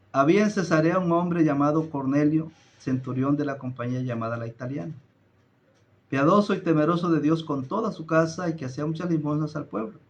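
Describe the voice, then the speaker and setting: Guy preaching a bible study, slightly high voice, slow and deliberate, keeps saying brothers. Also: dull audio. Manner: calls listeners brothers often, reads scripture aloud; slow deliberate emphasis with some filler hesitations. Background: greets a viewer by name, live stream.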